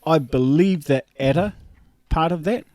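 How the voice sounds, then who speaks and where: A man's voice: a little high, a little slow, darkish tone, no room sound. A middle-aged man with a broad Kiwi accent chatting casually and in a laid-back, blokey way as a podcast co-host. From New Zealand. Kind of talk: casual chat.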